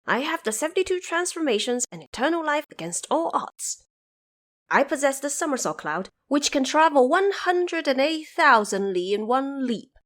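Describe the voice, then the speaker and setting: A woman's voice: high voice, big pitch swings, moderate pace, fairly bright tone, voice pushed up. A woman voicing a brash, boastful immortal monkey king with a defiant, declamatory manner in an audio drama. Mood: cocky. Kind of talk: audio drama character acting.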